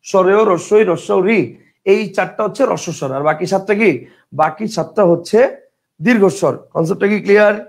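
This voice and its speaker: This man's voice is high, brisk and gravelly as he teaches a grammar class online. He repeats his questions and keeps checking whether the students understand, reading out viewer comments and replying to them.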